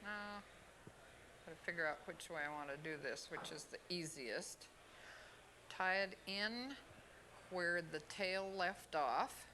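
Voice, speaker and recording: Woman demonstrating fly tying, slow and deliberate, bright tone, faint hall ambience. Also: on the low side, a little hiss or hum. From Oregon, USA. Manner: unhurried, plain instructional talk with pauses. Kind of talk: step-by-step demonstration. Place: expo hall.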